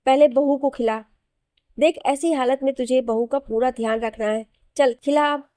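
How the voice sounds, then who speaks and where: A brisk middle-aged mother-in-law gives fond orders in a storybook tale, as a woman narrator puts her on. Her voice sits fairly high and comes out a little forceful. The recording is dry and close. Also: steady tone, no echo, lightly acted. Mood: bossy care. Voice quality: bossy but affectionate.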